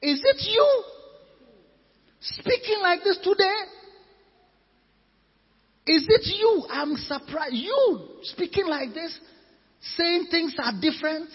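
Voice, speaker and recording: A man's voice: very high-pitched, sing-song, measured pace, slightly rough, voice pushed up, full character voice. A man voicing an indignant old uncle scolding his niece in a sermon. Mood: incredulous. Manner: incredulous, scolding. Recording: echoey church hall, dull lo-fi.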